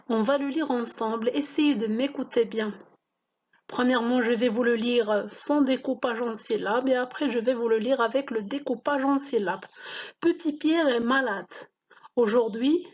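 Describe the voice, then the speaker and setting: A woman whose first language is Moroccan Arabic, teaching French reading, spelling out letters and syllables slowly and deliberately. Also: on the high side, a little mellow, muffled recording. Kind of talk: slow classroom-style reading lesson.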